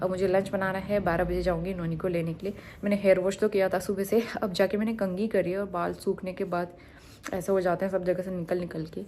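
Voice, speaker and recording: Home vlogger, woman, casual chat to camera, thinks out loud, light background noise. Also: fairly low pitch, little pitch movement. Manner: chatty, thinking out loud with pauses.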